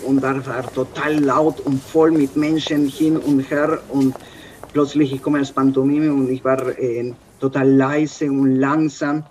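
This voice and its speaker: A man's voice: medium pitch, flat delivery, measured pace, darkish tone, slight background noise. A man in his fifties from Argentina with an Argentine Spanish accent, a street mime giving an interview, earnestly searching for words. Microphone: video call.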